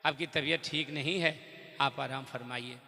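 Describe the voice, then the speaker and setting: A man's voice: mid-range voice, fairly even intonation, moderate pace, bright, forceful tone, pitched below the performer's own voice. A man voicing a poor, grieving older nursemaid in a story within a sermon, in a pleading tone. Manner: pleading, tearful. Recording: long reverb in a large hall.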